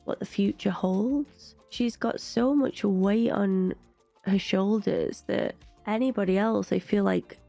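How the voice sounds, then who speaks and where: Here a woman from Britain speaks in a creaky, mellow voice of medium pitch. Hosting a reaction video, she gives casual, opinionated commentary in a chatty way, leaning often on "like" as filler.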